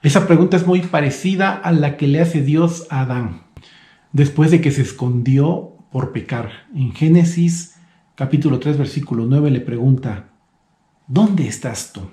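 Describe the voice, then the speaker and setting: A man in his thirties preaching a soft, earnest, reflective devotional sermon. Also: on the high side, unhurried, reverberant.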